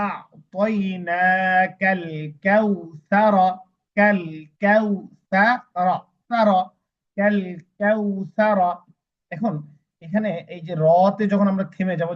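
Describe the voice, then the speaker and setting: Guy with a high voice teaching quran reading, spells every word out, repeats it lots, kinda muffled audio. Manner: slow letter-by-letter drilling, repeating each word. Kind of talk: spelling-out recitation lesson.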